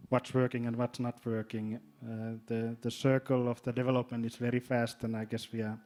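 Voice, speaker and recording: A man from Finland with a Finnish accent, speaking as a panelist in a hesitant way, often repeating words and filling pauses. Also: medium pitch, level tone, darkish tone. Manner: halting, repeats words, many fillers. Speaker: panelist, drone company executive. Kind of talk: panel discussion.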